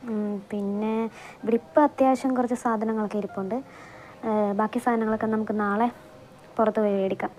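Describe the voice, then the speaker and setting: A woman's voice: mid-range voice, steady tone, darkish tone, natural voice. A woman voicing a bossy but caring young friend who teases and reassures, in an amateur audio drama. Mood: reassuring. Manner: brisk, teasing, reassuring.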